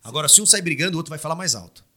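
A man with a bright, slightly high voice, chatting on a podcast into a studio mic. He gets animated as he argues, his voice climbing when he presses a point. It is relaxed, loose conversation. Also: racing. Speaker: podcast host. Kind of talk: casual podcast chat. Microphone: studio microphone.

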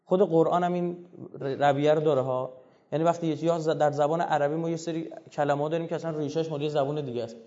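A man's voice: on the high side, mellow. A man giving a religious history lecture, speaking emphatically and addressing his listeners directly. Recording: dull lo-fi recording with long hall reverb.

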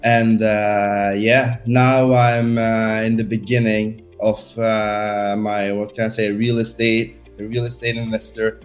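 An easygoing man in his thirties from Norway, talking as a podcast guest. His tone stays flat and even, and he leans on fillers like "uh" and "kinda." Faint music plays behind him. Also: lowish voice, slow, few pauses. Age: 30s. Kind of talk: casual conversation.

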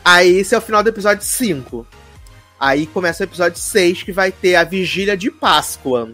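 Animated high-voiced man recapping a show. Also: normal speed, soft background music. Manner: animated, quotes characters in playful voices, fillers like "não sei o quê". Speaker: podcast co-host recapping a series. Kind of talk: casual chat, retelling with acted quotes.

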